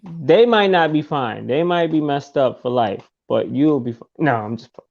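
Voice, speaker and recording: A man chatting casually on a podcast, his voice sitting a little higher than most men's. He gets animated and slips into squeaky put-on voices to play out his own thoughts. The audio is dull and lo-fi. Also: normal speed, gravelly. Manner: animated, acts out his own inner voice in high squeaky tones. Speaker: podcast guest. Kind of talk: casual conversation.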